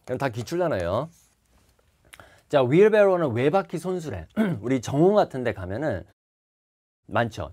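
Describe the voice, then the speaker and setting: A man's voice: medium pitch, a little mellow. A man teaching a test-prep lecture to the camera, repeating and stressing key words. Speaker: TOEIC instructor. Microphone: facing the camera.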